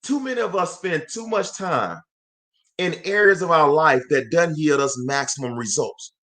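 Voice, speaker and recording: Here a man's highish, animated voice carries a slightly bright tone at an ordinary speed. He is a motivational speaker and host in his forties giving an impassioned live talk in a preacher's rhythm, repeating phrases and calling out to his viewers.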